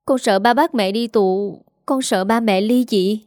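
A woman's voice: mid-range voice, unhurried, darkish tone, no echo, studio quality, close to an everyday voice. A woman reading a storybook part of a remorseful young daughter who pleads and apologizes.

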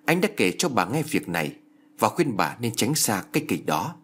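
A man's voice: fairly low pitch, big pitch swings, normal speed, fairly bright tone, slightly rough. A man narrating a horror story in a scripted, dramatic storytelling style.

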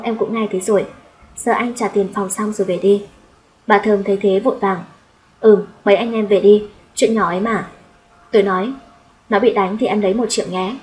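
A woman's voice: medium pitch, darkish tone, poor audio. A woman reading a first-person audio story aloud and voicing its dialogue in her own voice. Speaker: audiobook narrator. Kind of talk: storytelling narration with character dialogue.

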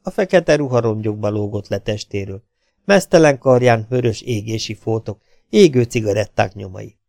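A man with a Hungarian accent narrating an audiobook in an even, measured reading. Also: fairly low pitch, creaky, no room sound, studio quality. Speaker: audiobook reader.

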